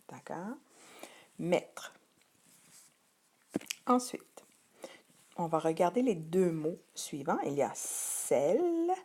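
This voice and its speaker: A middle-aged woman with a Québécois French accent, teaching children a vocabulary list slowly and patiently, repeating each word carefully. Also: lowish voice, warm tone.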